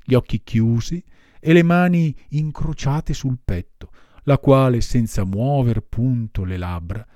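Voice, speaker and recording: An audiobook reader with a mellow, medium-pitched voice reads a classic children's story aloud a little slowly, with dramatic, varied delivery. It's expressive storybook narration in a dry, studio-quality recording.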